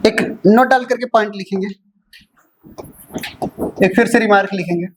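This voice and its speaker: Teacher who keeps checking "clear?". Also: medium pitch, background noise. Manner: keeps asking "clear?" and answering own questions; repeats key points slowly. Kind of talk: classroom lecture mixing Hindi and English terms.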